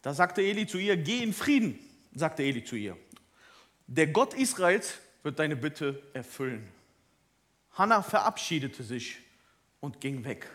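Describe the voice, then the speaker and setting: A man preaching a sermon, dropping to hushed near-whispers and rising to loud, emphatic questions. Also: a little high, big pitch swings, measured pace. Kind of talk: sermon with soft piano. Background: soft instrumental music.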